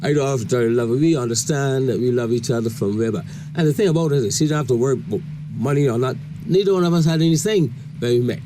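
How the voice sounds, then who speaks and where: A man's voice: mid-range voice, noisy background. Older Barbadian man recalling home. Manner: unhurried, reflective, recites verse warmly. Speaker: guest poet. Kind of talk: radio call-in interview.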